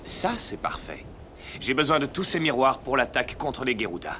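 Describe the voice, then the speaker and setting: A man's voice: medium pitch, sing-song, moderate pace, background noise, lightly acted. A man playing a proud, good-humoured island king and warrior leader in a dubbed film. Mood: playful, curious. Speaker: film voice actor. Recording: film soundtrack with music behind.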